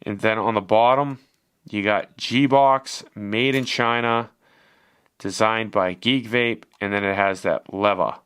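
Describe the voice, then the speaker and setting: A man's voice: lowish voice, steady tone, takes it slowly, a bit bright, clean tone. A man giving a casual, chatty product review as he unboxes and shows a device, swearing now and then.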